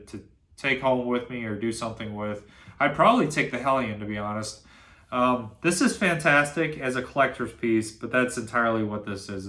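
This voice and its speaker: A man's voice: medium pitch, a bit bright. Nasal-voiced young man in an echoey room. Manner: rambling with many fillers and restarts. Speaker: gun reviewer, channel host. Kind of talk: casual unscripted video review. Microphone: camera on a stand.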